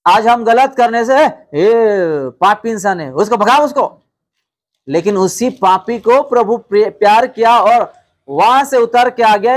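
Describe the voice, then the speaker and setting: High pitched guy preaching, keeps firing questions at the crowd. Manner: rhetorical questions, repeated calls of hallelujah; storytelling, addressing the congregation directly. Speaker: pastor. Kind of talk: sermon.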